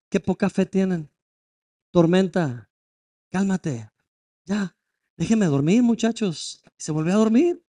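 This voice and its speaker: A man's voice: high voice, darkish tone. A male pastor preaching a sermon, emphatic and full of rhetorical questions.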